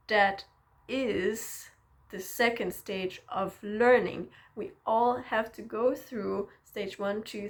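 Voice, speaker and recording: Speaking to camera at an unhurried pace, a woman whose first language is Danish teaches about self-development in a personal monologue. Her pitch stays mid-range, and her reflective, encouraging manner includes soft questioning tags as check-ins.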